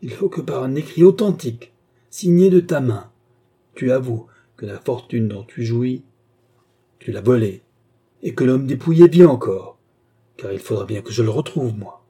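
A man's voice: on the low side, a little fast, dark tone, slightly rough. A man reading aloud, voicing an old former hussar servant who harshly and coldly takes revenge on his master. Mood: urgent. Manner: harsh, commanding, contemptuous.

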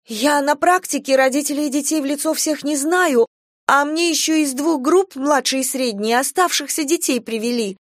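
A woman's voice: sits high, normal speed, no room sound, clean studio sound, voice pushed up, lightly acted. A woman voicing a frantic young mother, panicked and pleading as she searches for her missing son. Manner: panicked pleading, rising to shouts.

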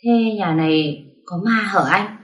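A woman's voice: fairly low pitch, a little fast, darkish tone, natural voice. A woman voicing a timid young woman of about twenty who speaks hesitantly. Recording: roomy echo.

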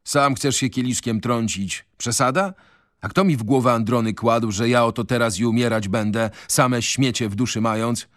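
A man's voice: medium pitch, moderate pace, a bit bright, no room sound, clean studio sound, natural voice. A man reading a novel on radio, voicing a bitter, mocking male prisoner who feels he is dying. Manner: sarcastic, impassioned. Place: radio studio.

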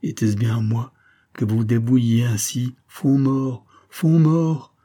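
Man doing a pleading nun, anguished, higher strained voice, husky, warm, storybook reading. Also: takes it slowly. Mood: reproachful. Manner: pleading, fearful. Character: anguished middle-aged nun, daughter of a king.

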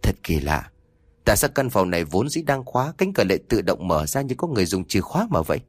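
A man's voice: on the low side, sing-song, quick pace, breathy edge, no room sound, studio quality. A man doing a doubtful, worried father. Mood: uneasy. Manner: questioning, puzzled.

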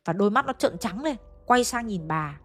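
A woman's voice: medium pitch, animated, normal speed, husky. A woman narrating a ghost story in a chatty way, speaking straight to her listeners. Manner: chatty, addresses listeners directly.

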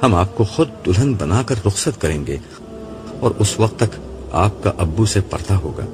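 A man's voice: on the low side, expressive, close to an everyday voice. A man voicing a determined, cheerful grown daughter who speaks firmly, with music behind.

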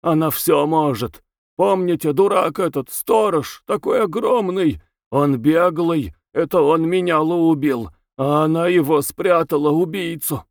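A man voicing a frantic, beaten male prisoner who wheezes hoarsely and cries out in shrill, hiccupping bursts. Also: unhurried, no room sound, clean studio sound.

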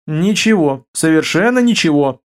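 A man's voice: on the high side, expressive, moderate pace, lightly acted. A man reading an audiobook, voicing a retired mercenary major, an older husband who grumbles and deflects dryly. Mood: defensive. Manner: grumbling, dry.

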